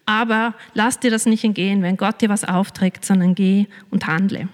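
A woman's voice: mid-range voice, fairly even intonation, normal speed. A woman preaching a sermon in a casual storytelling way, with many fillers. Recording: long reverb of a large hall.

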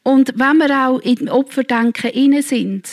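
A woman's voice: high-pitched, unhurried. A middle-aged woman preaching a sermon, speaking earnestly and directly to her congregation.

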